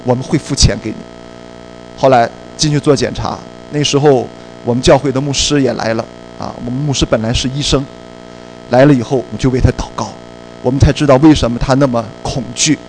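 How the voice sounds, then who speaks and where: A male preacher telling a personal story in a sermon, in a lively storytelling way and slipping English words into his speech. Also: medium pitch, a little fast, a little hiss or hum, rough recording.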